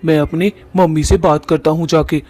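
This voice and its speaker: A man's voice: a little high, steady tone, moderate pace, dark tone, natural voice. A man voicing a lovesick young ghost groom in a cartoon, coaxing and sweet-talking. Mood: pleading.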